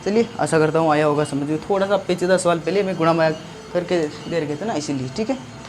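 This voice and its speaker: A man's voice: fairly high pitch, fairly quick, noisy background. Hindi-speaking man teaching a maths lesson. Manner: explains step by step, often asks questions and answers them himself.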